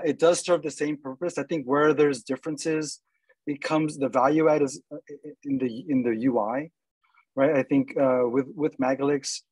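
A man's voice: medium pitch, darkish tone, breathy edge, dry recording. A man presenting at a webinar and answering questions, in a loose, hesitant way with many fillers.

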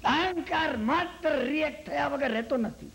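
A Jain lecturer with a Gujarati accent gives a sermon in lively storytelling style, telling a long story, acting out the characters' quoted lines and repeatedly asking the hall "samjya ne?" to check they follow. His voice is very high and creaky at normal speed, with slight background noise.

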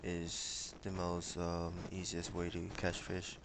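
A young man from Micronesia answering interview questions over a headset on a video call, hesitant and pausing with many fillers. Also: deep voice, monotone, background noise. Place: small room with bookshelves, indoors.

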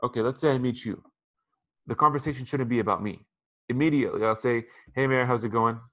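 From a window-side spot in his apartment, a man in his thirties joins a video call as an interview guest and dispenses casual advice through his headset. He's a quick talker with a medium-pitched, fairly bright voice, chatting conversationally and repeating words often.

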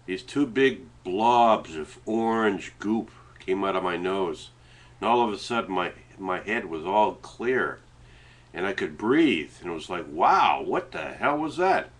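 Male, middle-aged, low-pitched, Canadian Maritime accent, nasally congested; halting, informal home-webcam rambling. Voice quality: congested, stuffed-up nasal sound. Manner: rambling, hesitant, sometimes talking while eating. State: stuffy, runny nose. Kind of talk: casual chat to webcam. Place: small indoor room at home. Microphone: webcam setup at desk distance.

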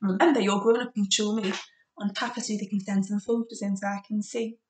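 A young woman teaching phonics to small children in an encouraging way, modelling single speech sounds deliberately and giving simple, direct instructions. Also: mid-range voice, steady tone, a little mellow, recorded from a distance, a little hiss or hum. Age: young adult. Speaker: primary school phonics teacher. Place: domestic kitchen, indoors. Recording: roomy, echoey home recording.

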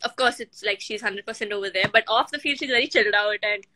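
A woman's voice: mid-range voice, fast, noisy background. A woman in her twenties with an Indian accent chats casually and teasingly as she hosts a live video call. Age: 20s. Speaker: host of a live video chat reading questions. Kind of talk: casual chat. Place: indoors at home. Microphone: video call on a phone or laptop.

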